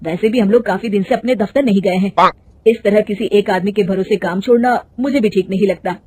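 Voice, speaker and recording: A woman voicing a calm, sensible young husband in a cartoon story, reasoning in a measured way. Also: mid-range voice, husky, lightly acted. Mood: reasonable.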